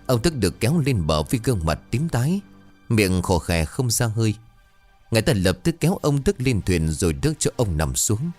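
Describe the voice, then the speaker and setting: A man reading a scripted horror story as narrator, expressive and voicing many characters. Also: fairly low pitch, normal speed, soft background music.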